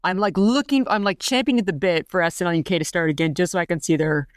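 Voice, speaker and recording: Forties woman co-host, gushing casual chat, smooth clear tone, dry close mic. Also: lowish voice, quick pace, dry recording. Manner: gushing and rambling, many fillers. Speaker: podcast co-host.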